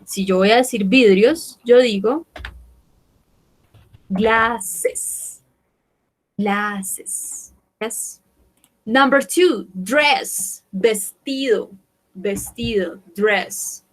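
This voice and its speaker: Profesora de inglés que habla muy despacio. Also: female voice, on the high side, rough recording. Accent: Spanish-speaking, Latin American. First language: Spanish. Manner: slow, drawn-out word drilling, repeating each word. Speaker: English teacher. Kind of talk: online language lesson.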